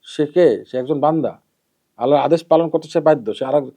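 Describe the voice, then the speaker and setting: A man giving a measured hadith lesson as an Islamic preacher, repeating key terms and letting his phrases trail off softly. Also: a little high. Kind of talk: hadith lesson, explaining and admonishing. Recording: dull lo-fi recording.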